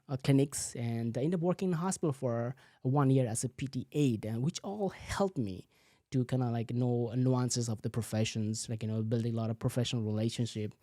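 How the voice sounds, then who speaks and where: A man's voice: medium pitch, mellow, no room sound, studio quality. A man, a physical therapist telling his story as a guest, full of "you know" fillers. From Nepal. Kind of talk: casual interview answers.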